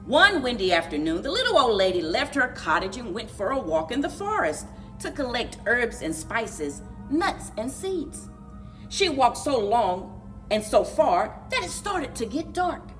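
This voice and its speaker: A woman hosting library story time reads aloud with expressive, dramatic, deliberate children's narration and playful sound words. Her voice is on the high side, and soft music plays in the background.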